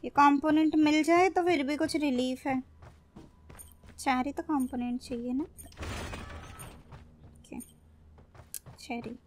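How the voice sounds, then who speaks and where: A woman with a high voice narrates her zombie match in a rush, exasperated and swearing. She keeps pleading with teammates who ignore her. Faint game gunfire runs underneath. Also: steady tone, slow, pauses often, a little hiss or hum. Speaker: mobile game streamer. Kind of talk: frantic gameplay commentary.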